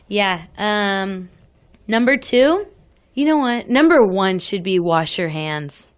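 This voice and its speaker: Female radio co-host, slow and easygoing, laughs readily, mid-pitched. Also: lively intonation, lo-fi sound. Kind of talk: casual radio chat. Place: radio studio.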